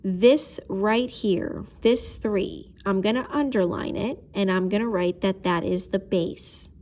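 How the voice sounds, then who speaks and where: Woman, teacher, patient, step-by-step, mid-pitched voice, recorded math lesson. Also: slow, darkish tone. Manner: patient, explains step by step while writing.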